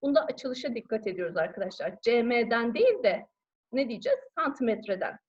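A woman's voice: fairly high pitch, big pitch swings, a little fast. A woman teacher giving a grammar lesson to schoolchildren, explaining patiently, asking questions and answering them herself, and calling out to her pupils again and again. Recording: dull lo-fi recording.

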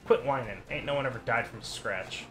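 A man reading aloud and voicing a vulgar, fierce old grandmother with a rough, rustic way of talking. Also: medium pitch, brisk, pushed and bright, faint music behind, lightly acted.

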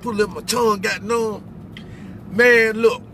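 In the noisy cab of a pickup truck, a middle-aged man with a high voice keeps a steady tone and moderate pace. His talk is animated personal storytelling with some preaching, colloquial and emphatic, full of repeated phrases.

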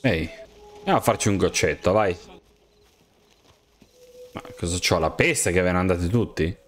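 A young man playing a game, joking and excitedly talking to the characters around him. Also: sits low, moderate pace. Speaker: gamer. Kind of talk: game commentary, role-playing as himself.

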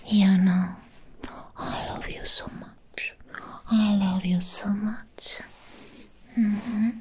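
A young woman performing ASMR roleplay plays an obsessive vampire ex-girlfriend, whispering breathily and very slowly right up against the close mic, with faint noise in the background. Her soft-spoken voice is on the low side and mellow, cooing in a lingering, intimate way. The mood is possessive and pleading.

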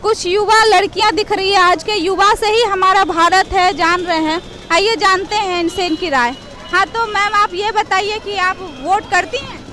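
A woman's voice: very high-pitched, moderate pace. A woman street reporter, chatting with passersby and coaxing them with questions on a busy street. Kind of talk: street vox pop reporting. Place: busy street crossing outdoors.

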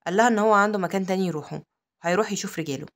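A woman with an Egyptian accent narrating a comic-story recap, with quick asides. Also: medium pitch. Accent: Egyptian Arabic. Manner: rapid, breathless storytelling with asides.

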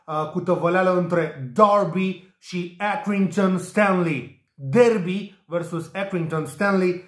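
Brief: male betting tipster, casual and halting, higher voice, roomy echo. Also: a bit bright. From Romania. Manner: hesitant, many filler sounds, jokey asides. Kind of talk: casual tips monologue. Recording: echoey room.

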